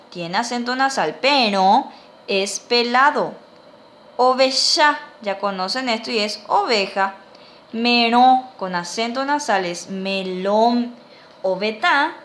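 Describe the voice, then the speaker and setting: A fairly high-pitched woman gives a lesson in a slow, careful way, repeating each word so pupils can echo it. Faint room ambience sits behind her voice. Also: fairly bright tone, slight background noise. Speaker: teacher. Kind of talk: guided language lesson for children.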